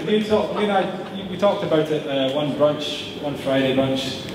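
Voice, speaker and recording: A man giving an informal wedding toast as best man, joking and chuckling through a halting delivery, recorded from afar in an echoey hall with guests around. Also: a little high, crowd noise. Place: large reverberant room at wedding reception. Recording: echoey hall, far mic, audience noise. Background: wedding guests chattering and reacting.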